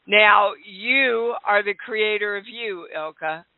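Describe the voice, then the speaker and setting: A woman's voice: mid-range voice, dry recording. An older woman hosting a call-in radio show, giving spiritual guidance in an emphatic, affectionate way. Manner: emphatic, affectionate, slow and deliberate. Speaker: host and healer. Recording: tinny phone-line sound.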